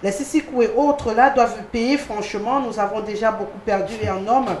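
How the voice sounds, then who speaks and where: A woman's voice: on the high side, a little fast, a little mellow. Lady hosting a tv panel, lots of euhs, roomy echo, faint hiss. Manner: hesitant, many fillers. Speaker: host. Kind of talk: TV panel discussion. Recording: echoey studio with faint noise.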